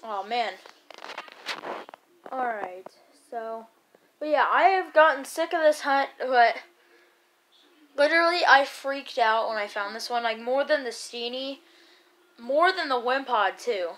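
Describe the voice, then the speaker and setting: A woman giving casual gameplay commentary as a YouTuber, rambling and chatty with excited bursts. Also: high-pitched. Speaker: gaming YouTuber.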